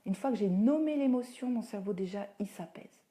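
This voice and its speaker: A woman's voice: mid-range voice, animated, brisk, warm tone. A woman answering viewers' questions on a Facebook live, giving chatty parenting advice with many fillers and acting out what she says to children. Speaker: parenting coach and teacher. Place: at home.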